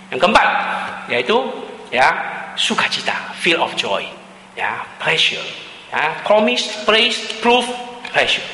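A man's voice: mid-range voice, bright, forceful tone, slight background noise. A male pastor preaching a sermon, slipping English words into his talk and repeating key terms. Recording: echoey hall with long reverb.

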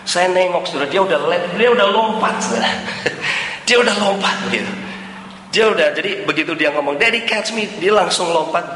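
A male preacher giving an animated sermon, often addressing the congregation and dropping English phrases into his talk. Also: sits high, brisk, a little hiss or hum. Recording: roomy hall with long reverb and faint ambience.

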